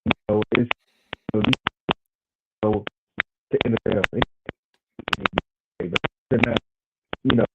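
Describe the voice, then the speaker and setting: A man's voice: lowish voice, steady tone, vocal fry. Man on a choppy, dropping call line. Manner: halting, leans on filler phrases. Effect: choppy call breaking up and dropping out. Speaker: podcast panelist calling in. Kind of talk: casual sports chat. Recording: tinny, noisy, distant call line.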